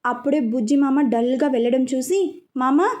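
A woman narrating a romance story serial in a steady, expressive way. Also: high-pitched, normal speed.

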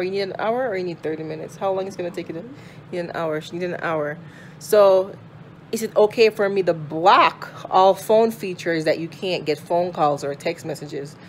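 Slight background noise sits under the mid-range voice of a woman in her thirties with a Jamaican accent. She's a mother vlogging her family on a phone held at arm's length inside a house, in a small room and hallway, teasing sassily and scolding with dry humor.

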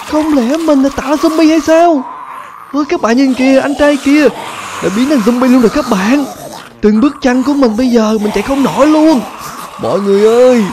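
A man voicing a glitched male zombie demon with a raspy, croaking voice, excitedly exclaiming to viewers. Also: sits high, noisy background.

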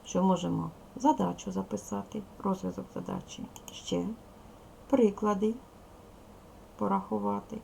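A woman's voice: mid-range voice, sing-song, moderate pace, creaky, a little mellow, a little hiss or hum. A woman teaching second graders in a recorded video lesson, patiently spelling out sounds and syllables one by one. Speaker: primary school teacher.

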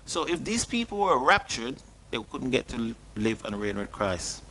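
A middle-aged man delivers a sermon from a small studio desk, reading scripture passages in an earnest voice. He questions his listeners directly and stresses key words by lifting his pitch. He is picked up by a webcam at desk distance. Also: big pitch swings, moderate pace, pushed and bright. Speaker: preacher.

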